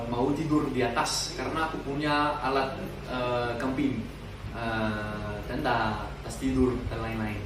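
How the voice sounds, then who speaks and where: A man in his twenties from France with a French accent, speaking halting Indonesian as a foreign learner and casually telling personal stories. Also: mid-range voice. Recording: distant mic, echoey room, noisy background.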